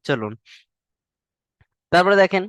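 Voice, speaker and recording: A man's voice: high voice, expressive, slow pace, a bit bright, no room sound. A male teacher, patiently drilling Arabic letters in an online class and stretching the sounds long. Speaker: Quran reading teacher.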